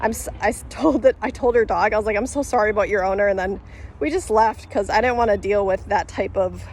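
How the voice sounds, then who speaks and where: With soft music playing behind her, a woman with a medium-pitched, somewhat mellow voice talks briskly. She's a vlogger telling a casual, rambling story to camera, full of fillers and self-corrections, laughing along the way.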